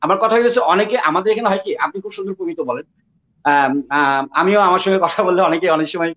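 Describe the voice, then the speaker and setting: A man from Bangladesh with a Dhaka Bengali accent, speaking in a reflective interview, discursive and often pausing with fillers to search for words. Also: sits high, pushed and bright, highs cut off. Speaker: interviewee, writer.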